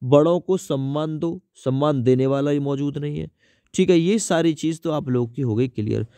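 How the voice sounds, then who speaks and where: A man teaching an exam-prep grammar lesson, his voice sitting a bit high. He keeps asking questions and answering them himself, repeating each point. The close mic gives a dry sound with no room echo. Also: mellow, smooth. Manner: reads example sentences slowly.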